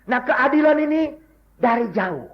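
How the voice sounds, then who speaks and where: Man, preacher, animated, high lively voice, dull lo-fi sound. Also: measured pace. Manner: animated, swings from shouting to hushed asides, acts out quotes. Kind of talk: lively sermon with humorous stories. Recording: dull lo-fi recording.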